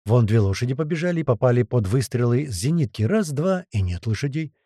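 A male narrator telling a first-person adventure with animated, swooping intonation. His voice is dark and mellow, recorded dry and close with no room sound. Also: medium pitch, fairly quick, slightly rough, dry recording. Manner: lively, vivid storytelling. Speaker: audiobook narrator.

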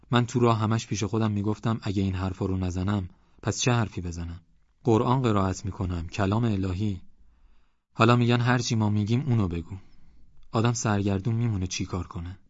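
A man voicing a gentle, earnest village preacher who speaks in a measured way. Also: lowish voice, no echo, highs cut off, natural voice.

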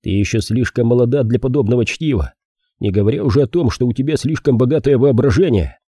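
A man voicing a gruff, blunt detective in his thirties in an audiobook. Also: medium pitch, fast talker, warm tone, no echo, clean studio sound, close to an everyday voice. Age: 30s.

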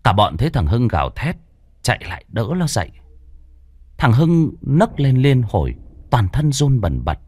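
A man narrating a horror story in a dramatic, expressive storytelling manner. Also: medium pitch, moderate pace, breathy edge.

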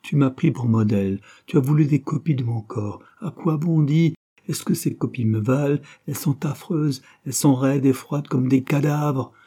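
A desperate young woman in love, pleading and urgent, as a man raises his voice to play her. She speaks in a higher, strained tone, with a husky edge and a mellow, dark warmth. This is a literary audiobook reading. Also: moderate pace, close to an everyday voice. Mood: pleading passionately.

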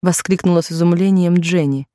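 A woman narrating a classic novel as an audiobook in a measured reading. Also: on the low side, fairly even intonation, dark tone, no echo, studio quality. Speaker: audiobook reader. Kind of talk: scripted narration.

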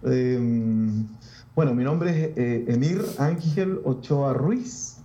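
A Chilean man, a Lutheran pastor, talking reflectively in a casual interview with many restarts and pauses. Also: mid-range voice, dark tone, roomy sound, highs cut off.

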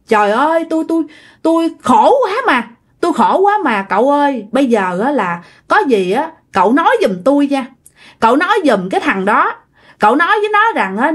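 Starving old ghost woman, husky and pleading, pitched high; woman narrator does the voice. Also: a bit bright. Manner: whiny, pleading, repeats herself.

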